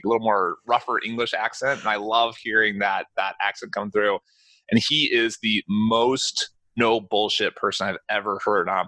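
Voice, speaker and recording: A man hosting a podcast in casual chat, lively and quick to act out his reactions. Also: lowish voice, no echo. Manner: animated, acts out quoted reactions. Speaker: podcast host.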